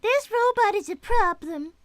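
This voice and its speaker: A woman's voice: very high voice, expressive, measured pace, no room sound. A woman voicing a polite, easily flustered young girl rabbit in an improvised cartoon livestream, protesting in wordy, prim sentences. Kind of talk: improvised cartoon character livestream, reading viewer messages.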